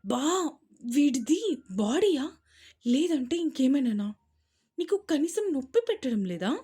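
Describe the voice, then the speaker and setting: A woman's voice: very animated, mellow, husky, exaggerated voice. A woman doing a feisty indignant young wife. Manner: shrill, quick, scolding.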